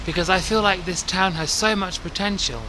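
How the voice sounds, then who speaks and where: A man's voice: high-pitched, normal speed. A man narrating a casual travel vlog from buses and town streets, chatty and reflective in tone. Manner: chatty, warm-hearted and reflective. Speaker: bus travel vlogger. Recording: loud vehicle and street noise.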